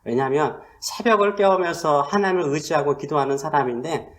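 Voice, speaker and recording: A male pastor delivering a sermon, asking rhetorical questions and swinging between loud emphasis and hushed asides. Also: on the high side, fairly quick.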